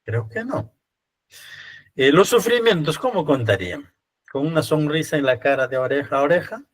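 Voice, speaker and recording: Peruvian priest lecturing with rhetorical questions. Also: male voice, a little high, animated, normal speed. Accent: Peruvian Spanish. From Peru. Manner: rhetorical questions, frequent tag questions. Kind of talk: conversational lecture to church readers.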